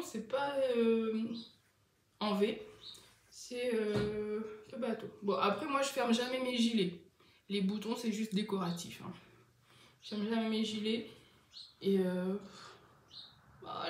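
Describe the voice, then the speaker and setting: A woman's voice: a little high, echoey room, a little hiss or hum. A woman hosting a casual knitting vlog, chatty and rambling, with many fillers and self-corrections. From France. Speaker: knitting podcast host. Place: indoors at home, seated on a chair.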